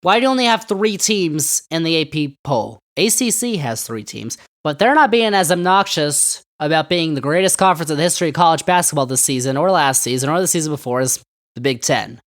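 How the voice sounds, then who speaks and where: A man's voice: on the high side, lively intonation, brisk. A man hosting a solo sports podcast, talking sarcastically and throwing rhetorical questions at his listeners. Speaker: podcast host.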